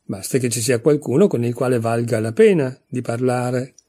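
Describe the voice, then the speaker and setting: A man's voice: medium pitch, moderate pace, dark tone, husky, close to an everyday voice. A man reading aloud, voicing a proud, touchy tiger lily flower in a storybook, haughty and scolding.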